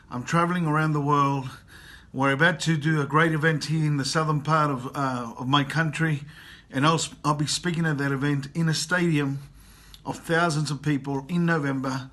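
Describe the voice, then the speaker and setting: A motivational coach in his fifties from Chile gives an earnest, personal motivational talk to camera while travelling abroad, repeating phrases for emphasis. His voice is fairly high-pitched and a bit bright.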